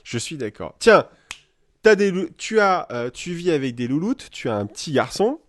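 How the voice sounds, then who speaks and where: A man from France hosting a casual live chat, lively and playful, laughing often. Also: fairly high pitch, normal speed. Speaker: host. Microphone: live video call.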